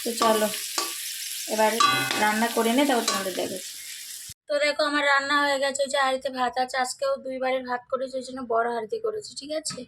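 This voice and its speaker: A middle-aged woman, slightly hoarse, chatting casually to viewers through a daily-routine vlog and often checking in with them. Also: high voice, fairly even intonation, fast talker, fairly bright tone. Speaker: vlogger.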